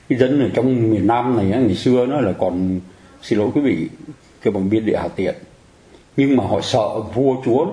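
Buddhist teacher guy giving a dharma talk, warm low-key tone, keeps asking the crowd "right?", echoey room. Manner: conversational, keeps asking the audience to agree.

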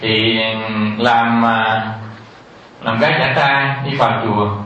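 A male Buddhist teacher telling a story during a dharma talk, halting with many filler sounds and turning to ask his listeners questions. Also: mid-range voice, fairly even intonation, bright, forceful tone. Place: temple hall in the US. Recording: very echoey hall, far from the mic, dull sound.

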